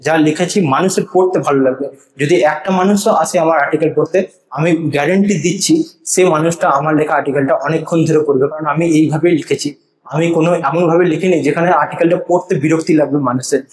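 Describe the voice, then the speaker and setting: Fast-talking man with heavy room echo. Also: a little high, darkish tone. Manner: earnest, confident advice-giving. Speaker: blogging and SEO YouTuber. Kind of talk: casual tutorial monologue to camera. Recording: echoey untreated room.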